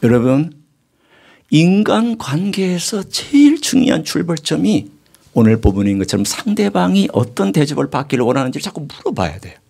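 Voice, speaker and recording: Middle-aged pastor guy preaching, voice a bit high, goes from whispering to loud bursts, really animated. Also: moderate pace, creaky, breathy edge. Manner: animated preaching, swings from hushed whispers to raised exclamations. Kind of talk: sermon.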